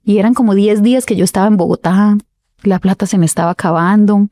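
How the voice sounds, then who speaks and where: A woman from Colombia, a podcast guest telling stories from her life in an animated way and acting out the voices in them. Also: medium pitch, fast, dry recording. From Colombia, Cúcuta. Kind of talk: casual storytelling interview.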